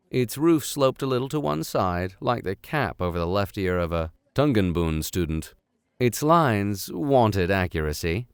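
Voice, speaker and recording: A man hosts an audiobook reading of a classic novel, breaking up the formal narration with joking, slangy, improvised asides. He has a smooth, mid-range voice, captured with clean studio sound and no echo.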